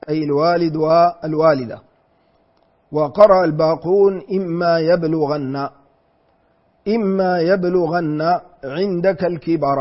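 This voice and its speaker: A man teaching Quran exegesis in a deliberate lecture, repeating phrases and reciting verses slowly. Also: fairly high pitch. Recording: dull lo-fi recording.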